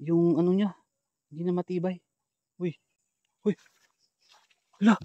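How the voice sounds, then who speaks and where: Man, paranormal vlogger; high-pitched, dry close-miked delivery. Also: fairly even intonation, unhurried, no echo, highs cut off. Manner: hushed asides to viewers, loud calls into the dark. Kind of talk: ghost-hunting vlog narration.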